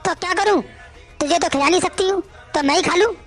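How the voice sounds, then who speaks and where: A woman's voice: extremely high pitch, fast, soft background music. A woman voicing a strict, nagging older mother-in-law who scolds and mocks in a cartoon story. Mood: scolding. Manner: scolding, sarcastic.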